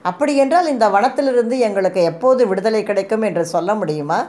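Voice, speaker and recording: Lady reading a scared young woman, anxious, keeps begging, a bit higher. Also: fairly quick, a little mellow, lightly acted. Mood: pleading. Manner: pleading, anxious. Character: frightened young woman, pleading, timid.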